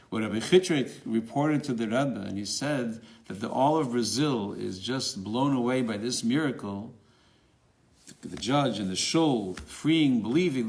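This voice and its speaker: A man telling a religious story aloud, animated and rising in pitch for quoted dialogue, with fillers and restarts. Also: creaky. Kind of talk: spoken storytelling.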